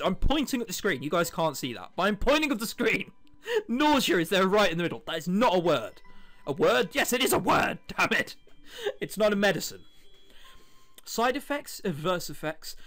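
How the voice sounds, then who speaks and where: High in pitch and a touch bright, the voice belongs to a British man running a let's play. He reads out a visual novel and fills the gaps between passages with joking, conversational commentary.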